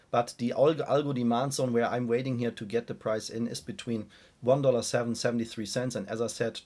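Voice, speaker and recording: A man hosting an informal market commentary speaks at a medium pitch. His voice is on the weak side. He repeats his phrases and keeps addressing the listeners directly. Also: darkish tone. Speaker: host of a stock analysis video channel. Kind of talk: informal chart commentary to viewers.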